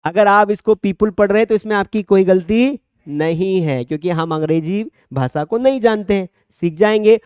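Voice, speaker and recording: High-voiced joking male teacher. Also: normal speed, a little mellow, smooth, no echo, studio quality. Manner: chatty, joking, quizzes students by name. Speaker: English teacher. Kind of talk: classroom lecture. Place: classroom.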